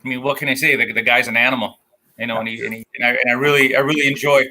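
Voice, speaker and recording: A man's voice: mid-range voice, steady tone, racing, a crowd in the background. A man with a Wisconsin accent on a comics panel, talking in a stern, matter-of-fact way and often restarting his sentences. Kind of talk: casual panel chat.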